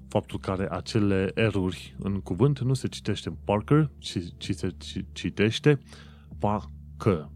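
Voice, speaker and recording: Deep-voiced man explaining pronunciation. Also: a little mellow. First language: Romanian. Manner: explains, repeats words to demonstrate pronunciation. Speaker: podcast host. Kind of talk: casual solo podcast talk.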